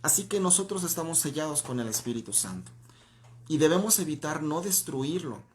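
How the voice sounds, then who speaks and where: A man's voice: on the high side, animated, a little fast, a little hiss or hum. A man teaching a Bible class on a livestream in a conversational way. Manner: conversational, greets viewers by name mid-lesson. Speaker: church teacher. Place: church room, livestream.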